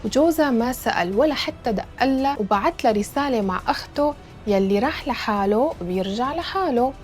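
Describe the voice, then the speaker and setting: A woman tells a true story in a quick, dramatic rush, her voice set a little high. Soft music plays behind her. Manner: rapid, dramatic retelling.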